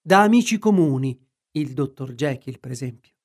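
Man playing a calm, polite lawyer. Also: medium pitch. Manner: calm, courteous, measured. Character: composed, polite middle-aged male lawyer.

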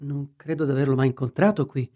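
A man voicing a composed, courteous middle-aged lawyer in a measured tone. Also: mid-range voice, steady tone, dark tone, close to an everyday voice. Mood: inquiring.

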